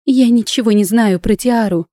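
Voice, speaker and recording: A woman's voice: medium pitch, lively intonation, fast, dark tone, dry recording, studio quality, voice pushed up, natural voice. A woman voicing a desperate, defiant young captive who cries out and pleads in an audiobook. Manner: crying out, pleading.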